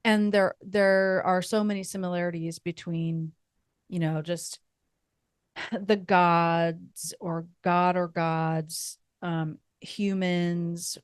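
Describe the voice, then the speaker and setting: Woman podcaster, slow thoughtful rambling talk, dry close sound. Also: on the low side, level tone, smooth, no echo. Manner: thoughtful, meandering, with fillers and soft laughs. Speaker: podcast co-host. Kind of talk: casual faith podcast chat.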